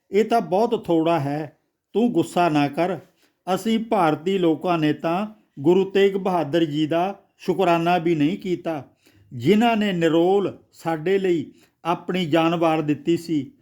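A man voicing a gentle, humble male scholar who speaks with love and sorrow in a storybook. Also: fairly high pitch, measured pace, close to an everyday voice. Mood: sorrowful. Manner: soft, loving and humble.

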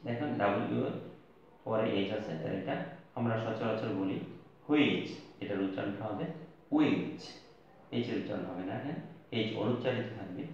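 Guy teaching english at a board, low voice, spells letters out slow, super echoey room, kinda muffled. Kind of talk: classroom lesson at a board. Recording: echoey, distant, dull lo-fi recording.

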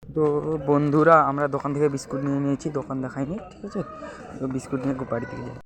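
A young man, slightly hoarse, chatting casually to viewers in a daily vlog and often asking if they are following. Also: medium pitch, fairly even intonation, very fast, background noise. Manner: chatty, keeps asking "ঠিক আছে?". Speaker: vlogger. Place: outdoors in a village, fields and lanes. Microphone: handheld phone.

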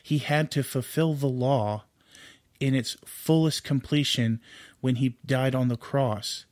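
A man's voice: mid-range voice, slow, darkish tone, no echo, studio quality. A man giving an informal home Bible study, earnest and unscripted, with fillers and restarts as he explains scripture.

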